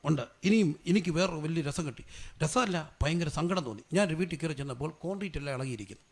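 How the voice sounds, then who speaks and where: A middle-aged male pastor preaching a sermon, firing rhetorical questions at the congregation for them to answer and building to loud, fervent prayer. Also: fairly high pitch, expressive, fast talker, slightly rough.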